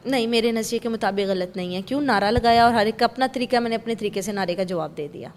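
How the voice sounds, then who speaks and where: A young woman being interviewed about her religious recitation, answering firmly and repeating her points. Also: a little high. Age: young adult.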